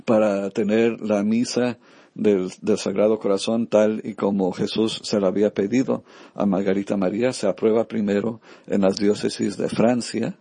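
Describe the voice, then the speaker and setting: Mellow, low-voiced priest, halting and unhurried. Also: male voice, level tone, vocal fry, no room sound. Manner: halting, many filler sounds and self-corrections. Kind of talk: informal devotional talk.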